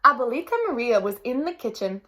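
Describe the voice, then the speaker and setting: Woman teacher, children's read-aloud, animated and a little high, asks questions. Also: a little fast. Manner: expressive, asks listeners questions.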